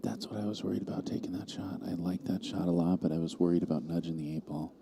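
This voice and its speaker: A man giving calm, analytical live commentary on a pool match, calling each shot. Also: deep voice, fast talker, creaky, noisy background.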